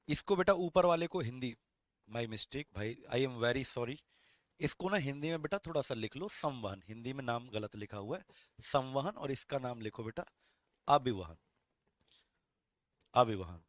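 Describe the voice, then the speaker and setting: Male teacher, online class, slow patient dictation, repeats lines, dry close mic. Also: medium pitch, no room sound. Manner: slow dictation, repeating each phrase for students to copy; addresses students as beta, asks questions and answers them himself.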